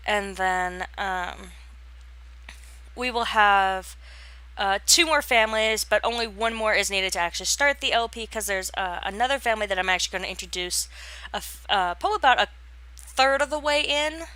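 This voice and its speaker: A woman's voice: medium pitch, moderate pace, bright, forceful tone, dry recording. A young woman giving casual, rambling voice-over commentary on a game build, full of fillers and restarts. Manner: yawns and laughs while talking. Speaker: gaming channel host.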